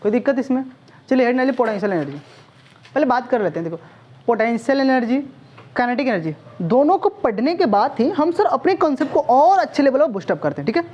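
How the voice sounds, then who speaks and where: A man's voice: extremely high pitch, sing-song, fast, darkish tone, highs cut off. A male physics coaching teacher lecturing a class in a chatty, teasing manner, constantly checking whether students follow. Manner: teasing, chatty, peppers speech with "sir" and check questions.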